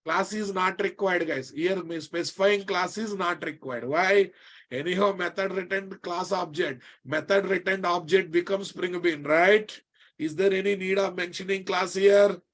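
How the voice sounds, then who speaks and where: A man with a Telugu Indian accent gives a live technical lesson in a fairly high-pitched voice. He is emphatic, repeats key phrases and punctuates his explanation with short checking questions. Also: steady tone, moderate pace, fairly bright tone. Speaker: programming instructor.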